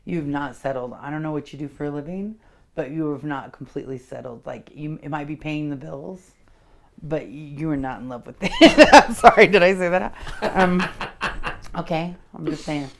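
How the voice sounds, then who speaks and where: A woman with a low, gravelly voice reads a man's personality from his signature. She talks frankly and chattily, laughs a lot and slips into playful impressions of his inner voice. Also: normal speed. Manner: animated, acts out his inner voice. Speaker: handwriting analyst. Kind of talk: casual personality reading.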